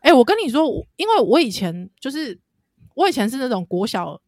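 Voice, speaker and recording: Casting note: Taiwanese-accented woman in her thirties, podcast co-host, very lively pitch and dry close sound. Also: brisk, no echo. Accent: Taiwanese Mandarin. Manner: animated storyteller, laughs a lot, acts out a crying child. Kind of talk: casual chat.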